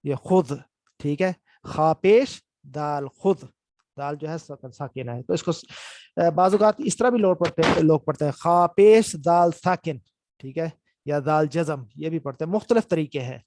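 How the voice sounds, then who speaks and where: A man teaching Quran reading, who spells out letters and vowel marks slowly, then speeds up to explain, and keeps checking in with his students. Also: fairly high pitch, a little mellow, no room sound. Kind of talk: recorded reading lesson.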